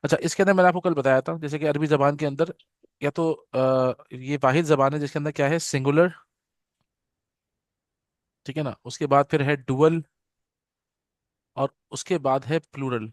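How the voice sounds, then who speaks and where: A man teaching an Arabic grammar class. He repeats each term slowly and keeps checking that his students follow. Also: a little high, fairly even intonation, no room sound, clean studio sound. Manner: patient, repeats terms slowly with frequent "theek hai na" check-ins; leads students in call-and-response repetition. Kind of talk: live grammar lesson.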